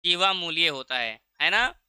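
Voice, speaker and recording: A man teaching a video lesson for an exam, explaining step by step and asking the class questions that he answers himself, drawing out key sounds slowly to show how they are said. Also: a little high, animated, bright, forceful tone, clean tone, dry recording, clean studio sound. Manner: drags out key sounds slowly when showing pronunciation. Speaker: Sanskrit teacher.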